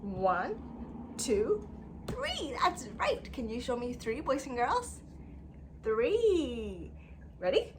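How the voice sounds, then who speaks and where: This woman's fairly high voice swings hugely in pitch as she talks extremely slowly, pausing often, to lead children in an interactive storytime. Her sing-song style is exaggerated, built on repetition and prompting questions, over a little hiss or hum.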